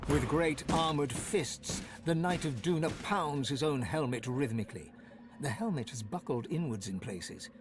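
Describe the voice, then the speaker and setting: A grave fantasy-game narrator, voiced by a man reads scripted narration in a mid-pitched, measured voice. Clear background noise sits under the game audio. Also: lively intonation, lightly acted. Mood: grim.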